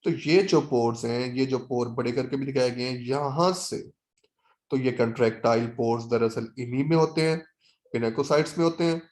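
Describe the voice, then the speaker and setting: A man teaching zoology in a classroom lecture with a Pakistani accent. He reads English textbook lines slowly, explains them in quick Hindi-Urdu, and asks and answers his own questions. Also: medium pitch, a little mellow.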